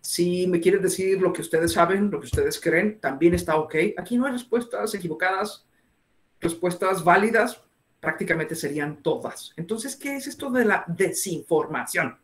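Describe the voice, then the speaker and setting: A man's voice: high voice, expressive, moderate pace, a bit bright, roomy sound. A man giving an interactive online lecture, asking his audience many questions. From northern Mexico. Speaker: webinar speaker.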